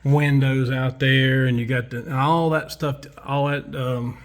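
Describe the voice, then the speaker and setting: A man's voice: medium pitch, level tone, measured pace. A man, a construction worker giving a casual walkthrough of a building site, blunt and profane as he tells his story.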